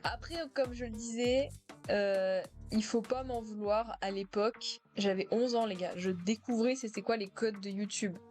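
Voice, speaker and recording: A teenage girl in high school, casually reacting to her own old comments, self-mocking, with many fillers and laughs. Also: steady tone, moderate pace, a little mellow, soft background music. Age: teens.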